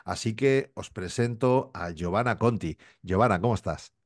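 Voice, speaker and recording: A man's voice: lowish voice, moderate pace. A middle-aged man hosting a video-call interview from a home office, chatty and joking, asking long run-on questions. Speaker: host. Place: home office with framed posters.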